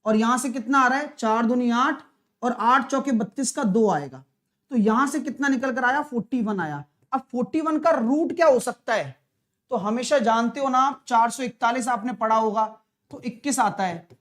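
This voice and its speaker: A man with a very high voice and a fairly bright tone conducts a live online maths class for exam prep. He talks in a chatty, coaxing way and quizzes his students constantly with quick questions.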